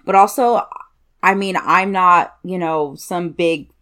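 A woman's voice: lowish voice, slow, a bit bright, smooth. A woman co-hosting a casual podcast, talking informally and a little hesitantly, in a self-deprecating way. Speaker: co-host.

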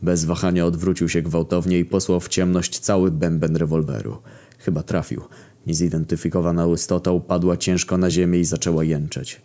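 A man narrating a crude, darkly comic story in a wry, deadpan way. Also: deep voice, fairly quick. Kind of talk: casual profane story narration.

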